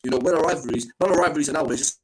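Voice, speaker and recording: A man's voice: on the high side, slightly rough. A man, a football fan guest, arguing in heated banter over a remote call whose connection crackles and cuts out, repeating himself as he pushes his point. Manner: fast, animated, repeats himself. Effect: crackly, cutting-out call connection. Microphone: remote call with headset.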